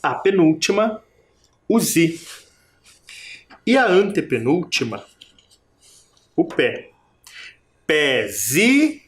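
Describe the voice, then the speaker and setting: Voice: medium pitch, big pitch swings, slow, pauses often. A primary school teacher giving a recorded video lesson, patiently stretching words out and sounding out each syllable while asking the children questions. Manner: patient, asks the class questions.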